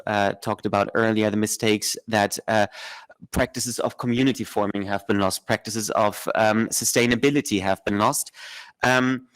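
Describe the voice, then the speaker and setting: A man's voice: lowish voice, fairly bright tone, smooth. Thoughtful young man from northern Germany. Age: young adult. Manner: thoughtful, self-correcting, many fillers. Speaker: panel guest. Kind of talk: personal reflection on a panel.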